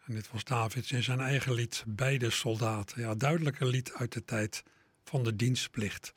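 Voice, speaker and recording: Brief: male radio host, husky voice, dry close sound, easygoing and a little hesitant. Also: mid-range voice, fairly even intonation, moderate pace, no room sound. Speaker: radio presenter. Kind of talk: radio music programme presentation.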